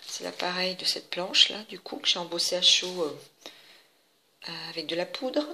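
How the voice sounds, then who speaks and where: A woman's voice: fairly low pitch, normal speed, vocal fry, background noise. A woman casually walking through her handmade scrapbook album, chatty and hesitant, with lots of fillers and restarts. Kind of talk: casual craft tutorial.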